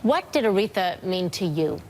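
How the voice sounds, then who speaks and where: A woman news anchor introducing a guest in a sympathetic, slightly halting way. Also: fairly low pitch, big pitch swings, darkish tone, a little hiss or hum.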